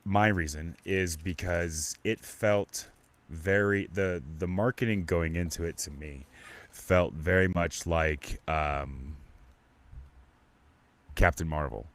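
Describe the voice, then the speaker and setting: A man's voice: low-pitched, slow. A man hosting a casual live podcast, talking in a rambling, stop-start way with lots of restarts and fillers. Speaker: podcast host. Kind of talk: casual live-stream chat.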